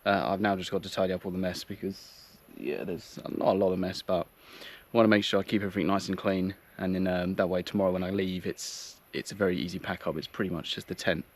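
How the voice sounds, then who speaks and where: A man talking casually and a little haltingly to his viewers in a relaxed, understated camping vlog, recorded outdoors in woodland. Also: low-pitched. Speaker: vlogger. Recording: clearly noisy outdoor ambience.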